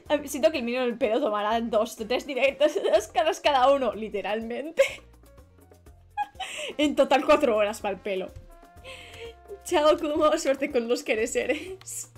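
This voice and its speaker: A young woman with a higher-than-usual voice chats her way through a drawing stream. She rambles and trails off mid-thought while she works, and soft music plays faintly behind her. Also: measured pace, long pauses. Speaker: streamer and illustrator. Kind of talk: casual live-stream chat while drawing. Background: faint background music.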